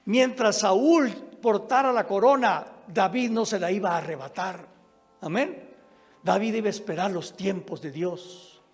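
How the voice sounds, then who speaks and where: High-voiced, slow pastor preaching. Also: male voice. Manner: preaching with repeated amens and emphatic restarts. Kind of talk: sermon. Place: church sanctuary during a live-streamed service. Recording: long hall reverb, faint music.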